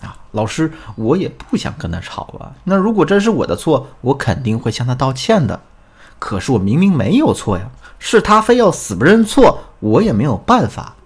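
A man's voice: mid-range voice, big pitch swings, normal speed, slightly rough, voice pushed up. A man voicing an upset young wife who pleads and complains about her husband. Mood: aggrieved. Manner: pleading, plaintive.

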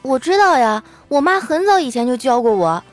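A woman voicing a sharp-tongued young female coworker who teases and complains in a high, bright voice. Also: very animated, brisk, faint music behind. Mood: teasing.

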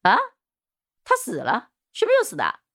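A fawning, cowardly male gang boss, put on by a woman pleads in a squeaky, jumpy voice that swings wildly up and down. He sounds eager to please and quick to fold under questioning, like a frightened crook in a spoken crime story. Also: wildly swooping pitch, fairly bright tone, exaggerated voice. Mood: flustered.

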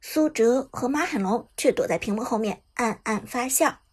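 A woman narrating a web novel audiobook with expressive storytelling. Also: a little high, moderate pace, slightly rough.

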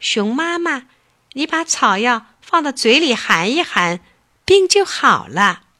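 A woman's voice: high-pitched, sing-song, takes it slowly, pushed and bright, voice pushed up, exaggerated voice. A woman voicing a small, thirsty bird who pleads and chirps in a children's storybook. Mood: pleading.

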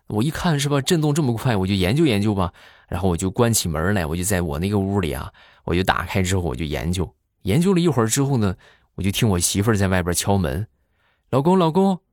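A man's voice: sits low, expressive, fast talker, a little mellow, no room sound, studio quality. A man performing a stand-up comedy monologue, telling stories with jokey asides and rhetorical questions.

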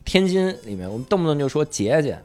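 A man's voice: a little high, very animated, quick pace, a little mellow, soft background music. Playful, teasing podcast host man. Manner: playful, teasing, laughs often. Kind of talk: casual podcast chat.

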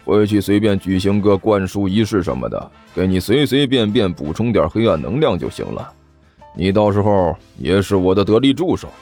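A man's voice: lowish voice, sing-song, normal speed, darkish tone, faint music behind, voice pushed down. A man voicing a lazy, boastful male demon king who talks down to his servant. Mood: smug. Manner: drawling, dismissive.

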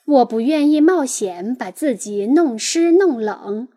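Slow, high-voiced woman reading aloud. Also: expressive, warm tone. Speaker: audiobook narrator. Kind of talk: scripted nonfiction reading.

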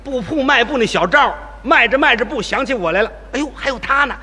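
A man performing live crosstalk comedy as the lead teller, boastful and sly in his quick patter. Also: very high voice, lively intonation, sharp tone, slight background noise. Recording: live stage recording in a hall.

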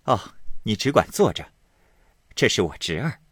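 A man voicing a brisk, teasing, authoritative young noblewoman in a storybook reading. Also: lowish voice, sing-song, fairly bright tone, slightly rough, no room sound, studio quality, heavily acted. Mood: commanding. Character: sharp, commanding young noblewoman of the household.

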